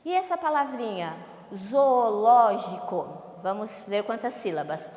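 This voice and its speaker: A woman's voice: on the high side, animated, a little mellow. A woman teacher giving a televised class lesson, drawing out each syllable and asking questions she then answers herself. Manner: slow, drawn-out syllables, asks questions and answers them. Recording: echoey room with long reverb.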